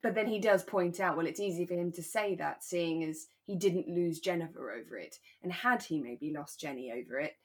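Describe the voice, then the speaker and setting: Speaking at a normal pace with few pauses, a woman with a lowish voice co-hosts a podcast and recaps a radio drama in a relaxed, conversational chat.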